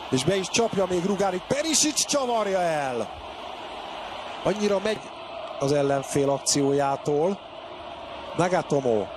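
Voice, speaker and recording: An excited male football commentator with a fairly high voice. He makes clipped, urgent calls of players that leap up at every chance, over clearly noisy broadcast sound.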